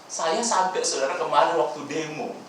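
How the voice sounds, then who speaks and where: A man preaching a sermon as pastor, animated and playful, jumping between loud bursts and quiet asides. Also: fairly high pitch, moderate pace, slight background noise. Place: large church hall. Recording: echoey church hall, mic far off.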